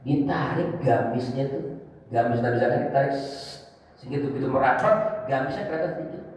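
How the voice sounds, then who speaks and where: Echoey preacher in a large hall. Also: male voice, brisk, recorded from a distance. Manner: swings between loud exclaiming and hushed low asides; addresses listeners as Pak, colloquial. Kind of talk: informal sermon storytelling.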